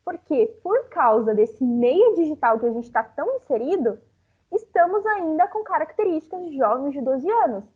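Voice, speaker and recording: A woman's voice: high-pitched, sing-song, moderate pace. A young woman in her twenties from Brazil giving a live talk, chatting directly with her audience. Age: 20s. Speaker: speaker. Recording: phone-like narrow sound.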